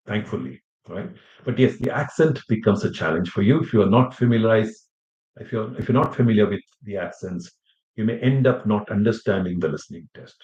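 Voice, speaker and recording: A man's voice: mid-range voice, darkish tone. A man teaching an informal class for students preparing for an English test, talking in a loose, rambling way full of "you know" asides. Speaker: IELTS teacher. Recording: roomy, slightly dull audio.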